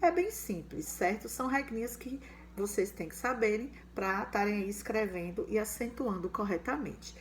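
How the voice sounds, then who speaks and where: A woman teaching a grammar lesson to young children. She ends almost every phrase with a questioning check and says the example words louder and slower. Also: mid-range voice, animated, a little hiss or hum.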